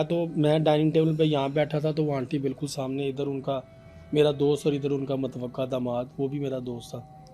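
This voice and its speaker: A young man, a podcast guest telling an animated story about a paranormal case. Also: a little high. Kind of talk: casual storytelling in a podcast interview.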